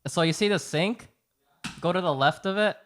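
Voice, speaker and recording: A young man co-hosting a podcast, chatting casually with friends, excitable and laughing a lot. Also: high voice, normal speed. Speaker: podcast co-host. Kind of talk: casual chat among friends.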